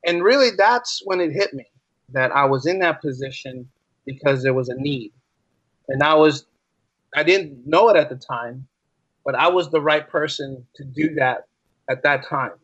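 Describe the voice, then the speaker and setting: On a dry, slightly dull lo-fi line, a man who writes and teaches tells stories casually as a podcast guest. His voice is on the high side, a bit bright and slightly rough, at normal speed, and his delivery is earnest and emphatic with repeated phrases.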